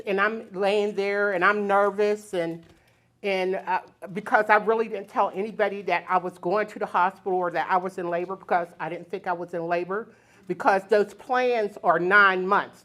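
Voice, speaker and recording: A woman telling a personal story at a live storytelling event, colloquial and lively, acting out the voices of the people in it. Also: medium pitch.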